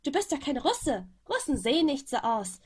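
A woman voicing an overexcited Polish teenage boy who rambles on and on, with a slightly husky voice. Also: high voice, sing-song, moderate pace, voice pushed up. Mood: insistent.

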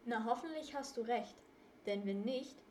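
A woman's voice: fairly high pitch, a little slow, mellow, slight background noise, lightly acted. A woman reading the part of a nervous, easily frightened teenage boy who complains a lot. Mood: grumbling. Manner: agitated, complaining. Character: jumpy frightened teen boy detective. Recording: roomy echo.

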